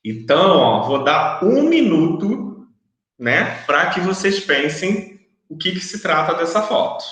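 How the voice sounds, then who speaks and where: In this very echoey recording, a man presents an online university lecture with a slightly high, slightly bright voice that's highly animated and a touch slow. His style is explanatory, moving step by step and frequently checking comprehension with tags.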